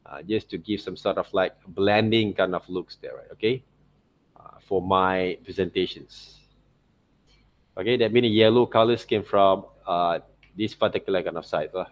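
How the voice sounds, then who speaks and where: Speaking at a moderate pace in a low-pitched voice, a man leads a casual screen-share art lesson. As the teacher, he frequently checks in with brief tag questions.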